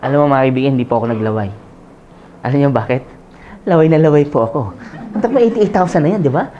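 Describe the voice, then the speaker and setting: A man's voice: on the high side, quick pace, mellow, a little hiss or hum. Man, live seminar talk, conversational, joking, asks crowd for agreement, lo-fi sound. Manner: jokes and laughs while telling his story. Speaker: motivational speaker.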